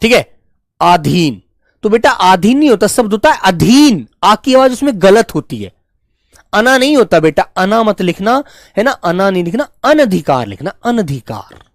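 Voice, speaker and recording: A man teaching spelling to a live online class, who stretches each word out slowly and fondly calls his students children. His pitch rises and falls a lot as he explains. The sound is dry and close, with no room echo. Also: big pitch swings. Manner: patient, repeats words slowly, calls students "beta".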